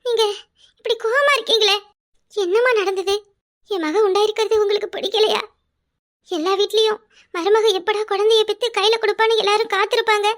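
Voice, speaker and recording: Woman doing a shrill, tearful bride's mother. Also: steady tone, a little fast, long pauses, a bit bright. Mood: pleading. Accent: Kanyakumari Tamil. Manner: emotional, pleading, often on the edge of tears. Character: pleading tearful middle-aged mother of the bride. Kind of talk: cartoon voice acting.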